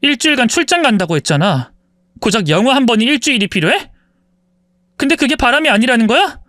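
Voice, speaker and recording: A man's voice: extremely high pitch, big pitch swings, fast, bright, forceful tone, dry recording, studio quality, exaggerated voice. A man voicing a betrayed wife in her forties who accuses her husband of cheating. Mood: indignant. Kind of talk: dramatized story reading.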